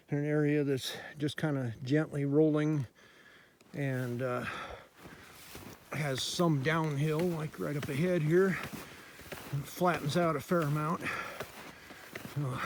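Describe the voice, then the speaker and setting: A man vlogging outdoors in snowy woods, speaking plainly with pauses and sounding out of breath. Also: on the high side, noisy background. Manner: plain, unhurried talk with pauses. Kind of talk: casual outdoor vlog.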